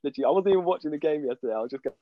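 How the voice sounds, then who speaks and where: A man's voice: a little high, animated, very fast, no echo. A man co-hosting a casual sports chat, playfully contrarian and rambling. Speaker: co-host. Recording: dull lo-fi audio.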